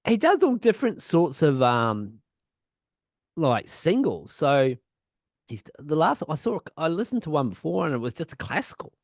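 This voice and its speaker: A man's voice: a little high, very animated, normal speed, no room sound, studio quality. A man co-hosting a punk podcast in casual chat, rambling, swearing a lot and laughing often. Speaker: podcast co-host.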